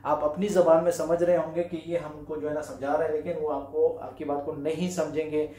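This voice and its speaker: Man, Arabic teacher, patient, repeats words slowly, fillers, fairly high voice, echoey room. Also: flat delivery, warm tone. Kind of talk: classroom-style language lesson. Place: room with a whiteboard.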